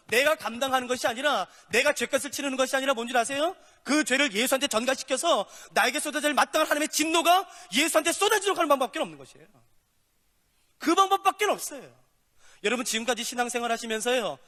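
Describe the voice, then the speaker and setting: A male pastor preaching a lively sermon, acting out little dialogues as he teaches. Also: very high-pitched. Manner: animated, acts out dialogues with God and people. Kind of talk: sermon lecture. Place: church hall. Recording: long hall reverb.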